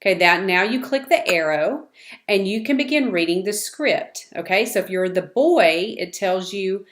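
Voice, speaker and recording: A woman teaching a reading lesson, speaking clearly and encouragingly and modelling rising question intonation. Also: mid-range voice, animated, normal speed. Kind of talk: classroom lesson.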